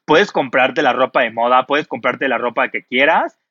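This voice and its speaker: Male image consultant, podcast host, bright forward tone, lo-fi dry recording. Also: mid-range voice, moderate pace, dry recording. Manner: expressive, uses many fillers like "o sea". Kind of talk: casual podcast chat.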